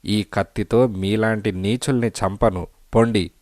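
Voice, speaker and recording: A man's voice: lowish voice, steady tone, a little slow, darkish tone, no room sound, clean studio sound, lightly acted. Chiranjeevi, a bold young storybook hero, voiced by a man. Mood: defiant. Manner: boastful, then defiant and commanding. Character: bold young male hero, boastful dreamer. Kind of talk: storybook character voice.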